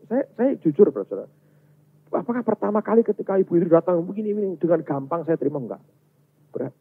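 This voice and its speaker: Husky, animated preaching pastor. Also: male voice, high voice. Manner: emphatic, swings from loud to soft. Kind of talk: sermon. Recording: tinny, phone-like sound.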